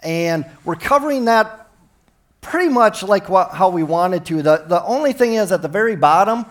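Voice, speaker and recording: A man from Minnesota in the United States gives a technical talk on the stage of a large conference hall. His voice sits slightly high, and he comes across as easygoing and friendly, speaking conversationally at a moderate pace with lively intonation and the occasional restart.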